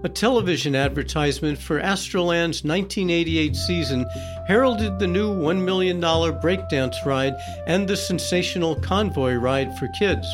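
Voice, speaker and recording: Man narrating over clear guitar music. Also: fairly high pitch. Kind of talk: scripted documentary narration.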